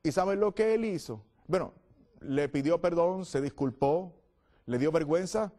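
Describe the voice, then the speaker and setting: Dramatic, fairly high-voiced male preacher. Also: normal speed, dark tone. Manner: dramatic storytelling, acting out crowd voices. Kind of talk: sermon.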